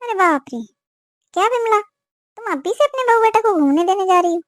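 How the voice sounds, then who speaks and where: A woman's voice: sits high, fairly even intonation, moderate pace, dry recording, clean studio sound, close to an everyday voice. A woman voicing an older, meddling village auntie who gossips and gives warnings in a cartoon. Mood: chatty. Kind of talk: cartoon voice acting.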